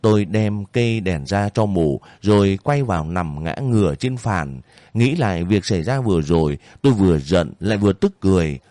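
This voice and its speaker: A man narrating a first-person story for an audiobook channel in a steady, measured way. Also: low voice, no echo, clean studio sound.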